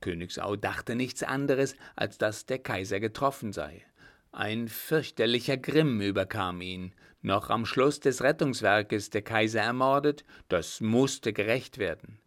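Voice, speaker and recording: A man reading a historical adventure novel aloud in a steady, measured narration. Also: on the low side. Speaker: audiobook reader. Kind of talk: scripted narration.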